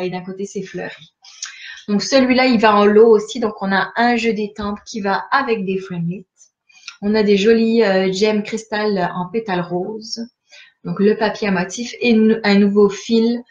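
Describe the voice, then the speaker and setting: A woman who demonstrates stamping supplies walks viewers casually through a catalogue, sounding hesitant and using lots of fillers. Her voice is mid-range, and the sound is lo-fi.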